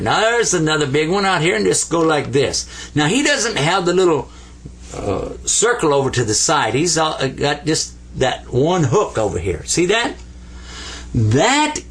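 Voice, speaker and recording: Lively older man teaching letters. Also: a little high, slightly rough. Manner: lively, playful, coaxing learners to repeat sounds. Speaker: Arabic teacher. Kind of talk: classroom letter lesson at a board.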